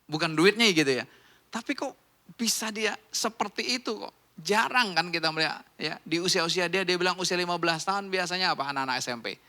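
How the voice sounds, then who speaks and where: A middle-aged man preaching a sermon as pastor, conversational and animated, with sudden loud rises in pitch and volume. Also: brisk. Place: church hall.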